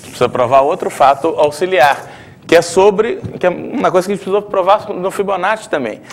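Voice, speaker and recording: A man's voice: sits high, brisk, a little hiss or hum. A middle-aged man with a Brazilian Portuguese accent, a math professor working through a proof and checking in with tag questions. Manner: explanatory, frequent tag questions, thinking aloud at the board. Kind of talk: blackboard math lecture.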